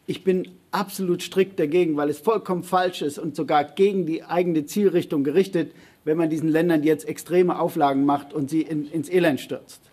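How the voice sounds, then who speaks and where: Husky, emphatic man in a public debate. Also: on the high side, steady tone, normal speed, a little mellow. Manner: emphatic, hesitant with many fillers and restarts. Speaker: panel speaker answering audience questions.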